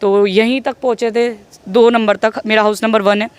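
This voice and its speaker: A woman's voice: fairly high pitch, fairly even intonation, moderate pace, clean tone. A young woman being interviewed, emphatically and indignantly recounting an incident in conversational style.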